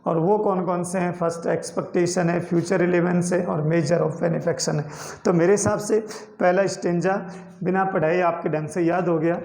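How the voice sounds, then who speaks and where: A male teacher lecturing a class on a poem, slowly repeating key terms and mixing English words into his Hindi explanations. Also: sits high, steady tone, creaky, a little mellow, roomy sound. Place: classroom with a board.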